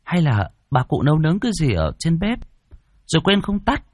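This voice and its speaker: A man's voice: fairly high pitch, huge pitch swings, brisk, no echo, clean studio sound, voice pushed up. A man voicing a puzzled, gossiping woman who sells meat. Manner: puzzled, speculating. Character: gossiping woman butcher, neighbor.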